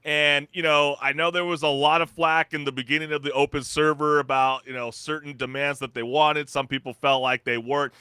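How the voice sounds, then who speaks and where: Male gaming podcast host, bright and a bit high, dry close sound, hyped news rundown. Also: level tone, brisk, few pauses, clear, resonant tone, no room sound. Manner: hyped, salesy delivery with many fillers. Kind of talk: upbeat gaming news chat.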